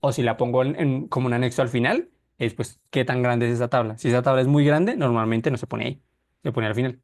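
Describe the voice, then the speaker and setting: A man's voice: mid-range voice, fairly even intonation, quick pace, a little mellow. A man teaching an online class, explaining step by step with many restarts and self-corrections.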